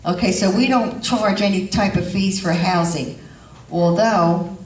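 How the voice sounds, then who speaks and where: A woman giving halting, explanatory informal remarks at a community board meeting. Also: fairly low pitch. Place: indoor meeting room, far from mic. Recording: distant, echoey room with faint noise.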